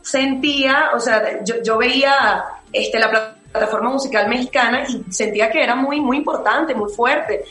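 A woman's voice: a little high, fairly bright tone, reverberant, poor audio. A singer-songwriter woman from Venezuela in her late twenties, answering interview questions thoughtfully with many fillers and restarts.

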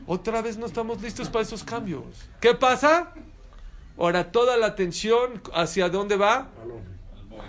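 A man's voice: high-pitched, very animated, a little slow, a bit bright. A man giving a sermon to a live audience, telling stories with rhetorical questions and Hebrew terms mixed in. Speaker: religious lecturer.

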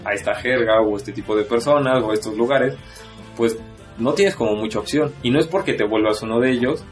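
A man's voice: medium pitch, a little fast, faint music behind. A young man with a Mexico City accent, chatting casually and at length as a podcast host, laughing often. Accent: Mexico City Spanish. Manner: relaxed, rambling, laughs often. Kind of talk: casual chat.

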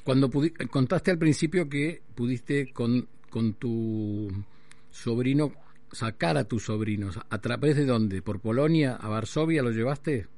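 A man talks as an interview co-host. His voice is medium in pitch and conversational, with a dry, close studio-like sound. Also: unhurried, a little mellow, no echo. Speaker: radio co-host.

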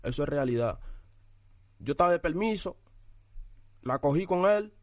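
A man's voice: on the high side, expressive, normal speed, darkish tone, no echo, studio quality. A young man, a rapper guest in a casual interview, talking bluntly and toughly with repeated tag questions.

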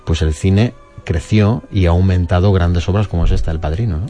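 A man's voice: deep voice, a little fast, warm tone. A man giving conversational, explanatory commentary as a film music expert on radio.

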